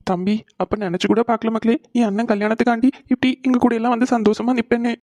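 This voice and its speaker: A man's voice: sits high, steady tone, brisk, mellow, no room sound, close to an everyday voice. A man voicing an emotional middle-aged father in a cartoon, pleading and tearful. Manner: pleading, calls his sons "people". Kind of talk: cartoon voice acting.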